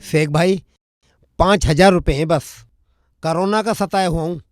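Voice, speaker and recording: A man's voice: a little high, normal speed, no echo, studio quality, lightly acted. A man playing a meek, pleading poor debtor. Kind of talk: comedy film acting.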